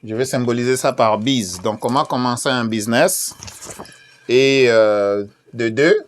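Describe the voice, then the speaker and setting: A man's voice: medium pitch, unhurried. Hesitant man promoting a business talk. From DR Congo. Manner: many fillers and repeated phrases; hesitant, repeats key questions. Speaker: event promoter. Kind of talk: casual promotional talk with screen share.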